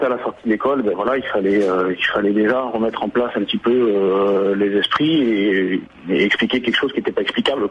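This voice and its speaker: Interviewed on radio, a parent gives a spontaneous eyewitness account in a low voice, hesitant and halting, stumbling over repeated words. The phone line is dull and lo-fi, with faint noise.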